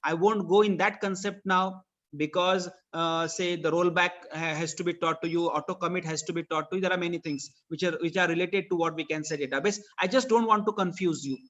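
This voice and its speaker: Speaking fairly quickly with a steady, slightly bright tone, this high-pitched Indian-accented man teaches programming live online. He explains things didactically and repeats phrases to stress them, heard through dull, lo-fi meeting audio.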